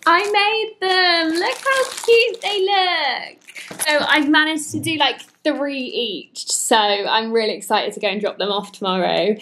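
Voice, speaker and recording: A woman's voice: high voice, slight background noise. Chatty woman in an echoey kitchen. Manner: chatty and upbeat, lively exclamations. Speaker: vlogger. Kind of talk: casual chat to camera. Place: home kitchen, indoors.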